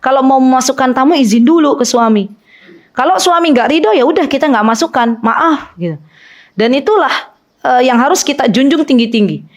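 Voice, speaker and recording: Woman, religious study teacher, slightly high voice, conversational, storytelling, talks straight to listeners. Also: expressive, a little fast. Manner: chatty storytelling with frequent tag words to listeners. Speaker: Islamic women's study teacher.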